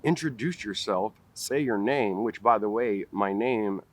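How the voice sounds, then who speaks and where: Unhurried and fairly low-pitched, this man in his forties vlogs outdoors in a park, addressing the camera directly. His stutter shows in repeated opening sounds and restarted words, and the camera sits close to his face.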